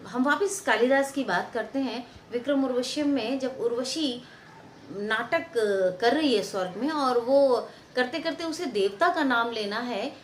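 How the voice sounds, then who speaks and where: A woman's voice: high voice, echoey room, a little hiss or hum. A woman who works as a theatre and film actor gives a lecture on acting. She acts out sample lines and repeats phrases for emphasis. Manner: expressive, acts out example lines and stresses.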